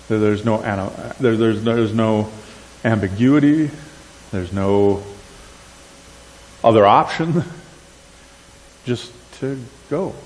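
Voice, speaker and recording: A middle-aged man with an Upper Midwestern accent, giving a conversational sermon and asking the crowd questions. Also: lowish voice. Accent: Upper Midwestern American. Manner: animated, asks the crowd questions, gestures while talking. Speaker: conference speaker. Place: church sanctuary. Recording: church hall with long reverb, faint hiss.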